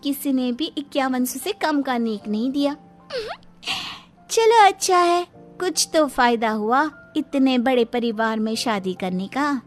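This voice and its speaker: A woman's voice: high-pitched, animated, measured pace, soft background music. A woman voicing a spoiled young newlywed bride who complains and pleads petulantly in a cartoon story. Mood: gleeful sulking.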